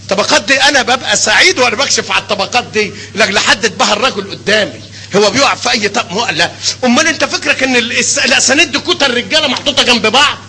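An older man with an Egyptian Arabic accent teaches hadith in a lively classroom style. His voice is high, very bright and forceful. A faint hiss of noise sits under the recording. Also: rapid-fire, low-quality recording. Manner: animated, quizzing students with rhetorical questions. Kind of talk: classroom lecture.

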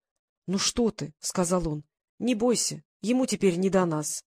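An audiobook reader voicing a protective young man who is gruff and worried, in a dry, close recording. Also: medium pitch, animated, normal speed, darkish tone, no echo.

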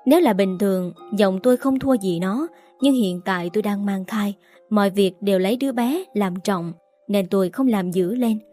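A woman reading a first-person story aloud in a steady storytelling manner. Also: mid-range voice, moderate pace. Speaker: narrator. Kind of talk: first-person audiobook narration. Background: faint background music.

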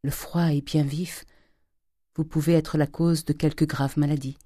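A meek, suffering older wife pleading softly and slowly, in the woman reader's own low voice. Her words are gentle but steady, sometimes dropping almost to a hush. The reading is dry and close to the mic. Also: dry recording. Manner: soft, pleading, slow.

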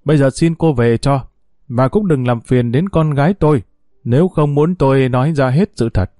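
A man's voice: mid-range voice, normal speed, mellow, no echo, studio quality, lightly acted. A man voicing a stern older mother who scolds bluntly and coldly in an audiobook story. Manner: curt, scolding. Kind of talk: audiobook character voice.

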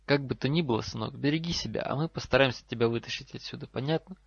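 A man's voice: mid-range voice, fast, gravelly, husky. A man reading a firm worried father. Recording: slightly dull lo-fi recording.

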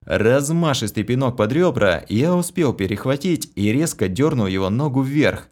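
A man narrating a first-person audiobook in an expressive reading. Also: mid-range voice, normal speed.

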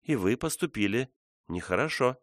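A man's voice: medium pitch, animated, normal speed, dry recording, clean studio sound, voice pushed up, close to an everyday voice. A man reading the part of a spirited young woman in an audiobook, teasing and defiant. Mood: firm. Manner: teasing, challenging.

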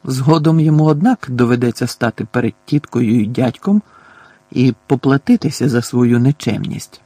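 A male audiobook narrator with a husky, slightly breathy voice at a middling pitch. He reads in a measured, expressive way, and the sound is dry and close to the mic. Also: no room sound.

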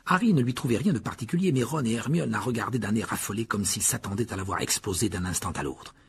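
A man's voice: lowish voice, fast talker, slightly rough. A man reading a children's novel aloud as an audiobook narrator, telling the story expressively. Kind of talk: scripted narration.

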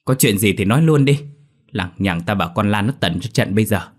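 A man's voice: sits low, steady tone, fast talker. A man doing a snappish, irritable young woman. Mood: snapping. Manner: snapping, bossy.

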